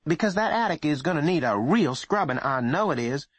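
A woman's voice: deep voice, animated, a little fast, husky, dry recording, pitched above the performer's own voice. A man voicing a pushy, self-pitying middle-aged mother in an audiobook, insistent and plaintive. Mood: bossy. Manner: insistent, wheedling, turning plaintive.

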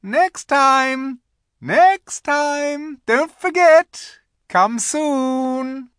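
A reader voicing an imperious, scheming witch queen from a children's storybook, sweet-talking in grand, drawn-out phrases. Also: mid-range voice, huge pitch swings, a bit bright, dry recording, studio quality, pitched above the performer's own voice, heavily acted. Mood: gaily teasing.

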